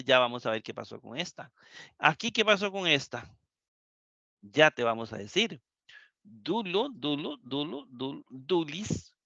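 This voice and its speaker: A man's voice: fairly high pitch, bright, forceful tone, dry recording, dull audio. A man teaching Greek in a live class lecture. He repeats the key points and keeps asking the students questions.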